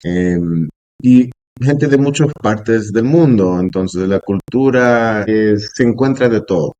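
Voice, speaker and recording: A man from Canada who speaks, a podcast guest who explains things earnestly and at length, pausing often on "eh". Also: fairly low pitch, dark tone, muffled recording. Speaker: podcast guest, shop co-founder. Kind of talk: casual interview chat.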